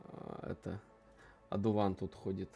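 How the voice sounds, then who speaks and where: A man with a fairly low voice streams a game. He talks casually and in slang to his chat. Game music is clearly audible behind him. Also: flat delivery, a little slow, dark tone. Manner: informal, slangy asides to chat. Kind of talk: casual livestream chat while playing a game.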